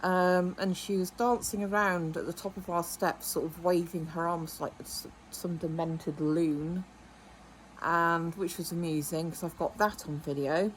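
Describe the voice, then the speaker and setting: A woman's voice: lowish voice, fairly even intonation, measured pace, slight background noise, low-quality recording. A middle-aged woman from England telling a story in a rambling, indignant way to her vlog audience. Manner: rambling, indignant, with many asides and quoted dialogue. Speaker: vlogger. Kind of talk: casual storytelling monologue.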